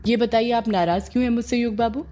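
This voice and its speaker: A playful young fisherwoman with a teasing, coaxing way of talking, as a woman narrator puts her on. Her voice sits a little higher than the narrator's own and stays mellow. She speaks to her sweetheart in a storybook audio drama. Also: steady tone, fast, a little hiss or hum, lightly acted. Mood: affectionate.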